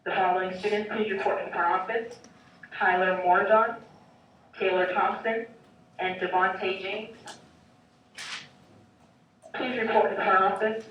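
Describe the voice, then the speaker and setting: A school announcer reading the day's announcements over the school intercom loudspeaker, listing names and bus numbers in a steady announcing tone. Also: mid-range voice, measured pace, long pauses, dull audio. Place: classroom, heard through a wall speaker. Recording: echoey loudspeaker heard from far off with faint noise.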